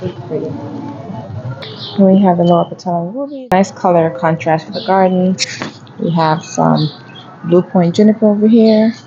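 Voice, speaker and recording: A woman's voice: fairly low pitch, moderate pace, pauses often, highs cut off, over music. A woman gardening vlogger chatting casually as she walks a garden center and reads out plant prices. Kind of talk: casual shopping vlog commentary. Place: garden center of a home improvement store.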